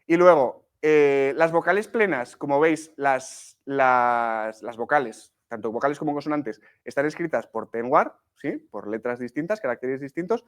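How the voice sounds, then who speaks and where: A man's voice: medium pitch, moderate pace, hardly any pauses. A man from leading a live writing workshop, explaining step by step, with many restarts and frequent "¿sí?" and "¿vale?" checks to the class. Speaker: workshop teacher.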